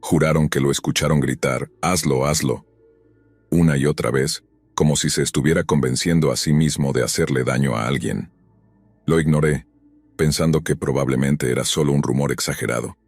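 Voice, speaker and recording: A man narrating a scary story in a calm, even, scripted way. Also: a bass voice, fairly quick, creaky, breathy edge, dry recording, faint music behind.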